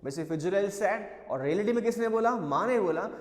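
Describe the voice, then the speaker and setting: A man's voice: high voice, expressive, fairly quick, roomy sound, in a large hall. A male teacher explains a play, reading lines aloud and then translating and explaining them. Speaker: English teacher. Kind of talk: classroom lesson explaining a play in Hindi and English.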